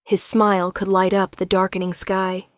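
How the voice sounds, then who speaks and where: A woman giving smooth, unhurried scripted narration of a romance story. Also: mid-range voice, flat delivery, dry recording, clean studio sound.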